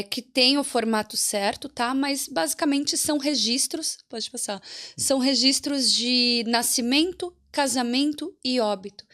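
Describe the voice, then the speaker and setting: Brazilian woman guest, patient explainer, fairly high voice, lots of fillers. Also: fairly bright tone. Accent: Brazilian Portuguese. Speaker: citizenship consultant guest. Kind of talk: explanatory interview talk.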